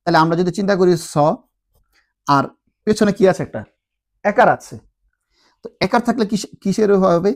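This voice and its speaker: In an expressive, high-pitched voice, a man teaching language works through a tutorial lesson. He patiently questions his listeners and answers for them, pronouncing syllables slowly one by one.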